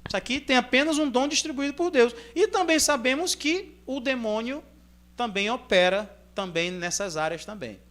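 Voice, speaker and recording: A man with a Brazilian accent, reading scripture aloud in measured phrases and then explaining it in a loose, conversational sermon style. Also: very high-pitched, a bit bright. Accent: Brazilian Portuguese. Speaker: preacher. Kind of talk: Bible reading and informal sermon commentary.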